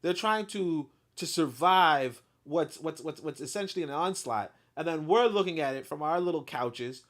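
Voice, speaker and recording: A man with a fairly high voice reads aloud from a history book at a moderate pace, then breaks off into animated, blunt commentary packed with profanity and fillers.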